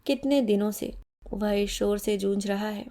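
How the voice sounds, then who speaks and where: Mellow-voiced woman telling a dark story. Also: medium pitch. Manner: measured, dramatic storytelling. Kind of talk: scripted literary narration.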